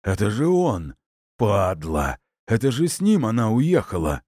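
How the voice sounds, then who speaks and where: A man voicing a drunk, foul-mouthed, hot-tempered middle-aged man who shouts and drags out his words. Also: on the low side, huge pitch swings, no room sound, clean studio sound, voice pushed up, heavily acted. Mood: furious, drunk. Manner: shouting, coarse, drawn-out words.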